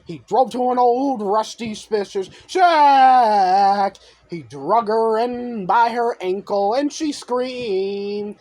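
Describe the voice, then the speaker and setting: Slow sing-song improvised storyteller. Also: mid-range voice, darkish tone.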